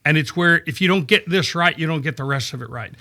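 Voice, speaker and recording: A man explaining scripture in a casual podcast chat, animated and storytelling, often checking in with "right?". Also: on the high side, fast talker, vocal fry. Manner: animated storytelling, acts out quoted voices, frequent "right?" checks. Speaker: podcast guest discussing scripture. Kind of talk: casual conversational Bible teaching.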